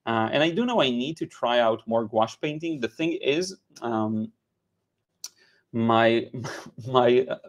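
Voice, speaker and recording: With a mid-range voice, a man in his thirties from Israel gives a watercolor lesson on a live stream and replies to chat as he goes. He's relaxed and talkative, with frequent "uh"s, restarts and repeated words, recorded in a home studio on a headset mic.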